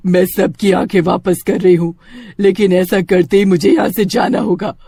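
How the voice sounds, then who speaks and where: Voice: mid-range voice, gravelly, dark tone, husky, no echo, clean studio sound. A narrator voicing a vengeful cackling female witch ghost in a cartoon story, with menacing threats. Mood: gentle.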